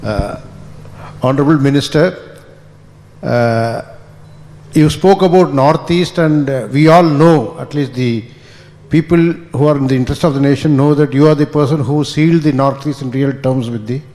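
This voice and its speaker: A man with an Indian accent putting a formal, emphatic question from the floor, in deliberate phrases. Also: a little high, darkish tone. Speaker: audience questioner. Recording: echoey hall.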